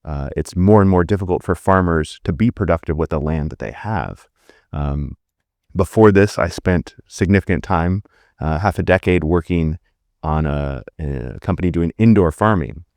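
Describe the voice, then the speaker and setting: A middle-aged man, a company CEO, explaining his work in a relaxed, conversational way on a panel. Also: deep voice, moderate pace, gravelly, no room sound, clean studio sound. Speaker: startup CEO.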